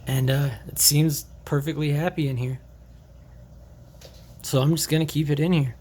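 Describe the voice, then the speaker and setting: A man's voice: fairly high pitch, steady tone, normal speed, warm tone. Rambling casual man, faint room hum. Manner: loose, rambling, thinking aloud with fillers. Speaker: aquarium hobbyist vlogger. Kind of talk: casual tank tour vlog. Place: indoors beside a fish tank.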